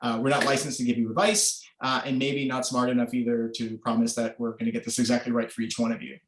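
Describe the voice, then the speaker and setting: A man's voice: medium pitch, level tone, fast talker. A man presenting an online workshop, explaining informally with many filler sounds over a video call. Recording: roomy echo.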